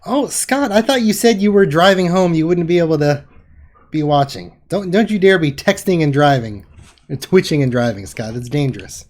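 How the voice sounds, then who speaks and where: A woman's voice: low voice, animated, moderate pace, darkish tone. A woman hosting a casual livestream, reading chat with wry remarks and casual swearing. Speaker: host.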